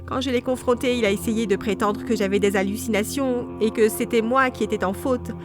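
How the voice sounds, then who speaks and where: A woman plays a hurt, bitter mother in an animated story, her voice low and sorrowful. Loud music runs behind her. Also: a little fast, lightly acted. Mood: sad.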